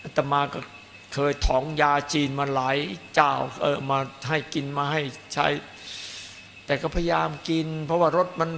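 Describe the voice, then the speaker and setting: Monk preaching in an echoey hall. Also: male voice, a little high, flat delivery, normal speed, vocal fry, a bit bright. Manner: emphatic, piling up repeated phrases. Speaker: Buddhist monk teacher. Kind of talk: dharma talk. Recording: echoey hall, faint noise.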